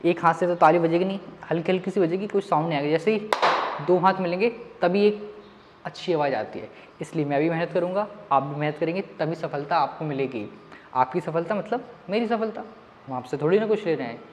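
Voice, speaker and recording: A man's voice: on the high side, fairly quick, a little hiss or hum. Guy teaching a maths class for youtube, chatty, talks to the kids directly, roomy reverb all over. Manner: chatty, addresses students directly, mixes in English words. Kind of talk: casual online lesson talk. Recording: long reverb.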